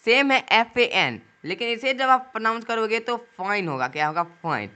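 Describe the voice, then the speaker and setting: A man's voice: very high-pitched, animated, normal speed, pushed and bright, smooth. A male teacher, giving an English pronunciation lesson. He asks a question about each key word and answers it himself. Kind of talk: classroom-style video lesson.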